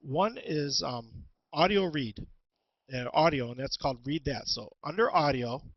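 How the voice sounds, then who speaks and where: Halting man giving a webinar lesson. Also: on the high side, lo-fi sound. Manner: halting, many ums and restarts. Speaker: webinar presenter, special education teacher. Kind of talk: instructional webinar talk. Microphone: headset with headphones.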